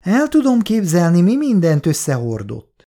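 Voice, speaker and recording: A reader voicing Irén, a nervous young wife who answers sharply and defensively in a storybook reading. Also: female voice, lowish voice, huge pitch swings, dark tone, pitched above the performer's own voice.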